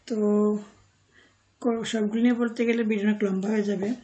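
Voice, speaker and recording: A woman teaching a vocabulary lesson, saying each word slowly and then its meaning, with fillers and self-corrections now and then. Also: a little high, little pitch movement, warm tone. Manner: pauses with fillers and corrects herself. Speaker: language teacher.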